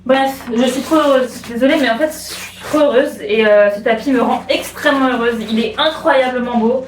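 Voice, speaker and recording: A young woman from France chatting in a casual home vlog, bubbly and gushing, repeating herself with excitement. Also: high voice, moderate pace. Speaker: vlogger. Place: room at home. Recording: echoey room, faint background hiss.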